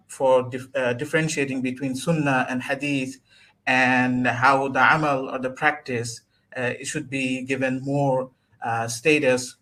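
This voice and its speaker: A man from Bangladesh, speaking as an interview guest, earnest and often pausing to search for words. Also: medium pitch, bright, forceful tone. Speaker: guest, religious scholar. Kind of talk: live online interview.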